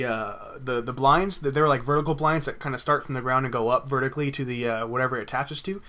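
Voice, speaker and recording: Here a young gamer narrates his play and drifts into a personal anecdote, cursing freely and starting over again and again. His voice sits at a medium pitch with a bright, forceful tone.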